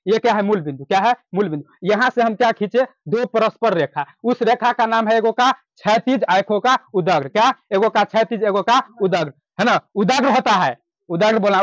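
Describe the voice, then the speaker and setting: A man's voice: high voice, no echo. A man teaches a lesson, posing a question and answering it himself over and over. The sound is dull and lo-fi, close and dry with no room around it. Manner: asks a question then answers it himself, repeating key terms. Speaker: math teacher. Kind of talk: classroom lecture with call-and-response questions.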